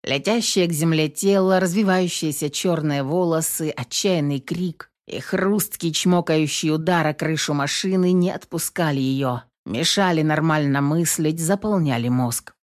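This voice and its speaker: A woman reading a novel aloud as an audiobook narrator, expressive and acting each character. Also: low-pitched, unhurried, few pauses. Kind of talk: scripted narration.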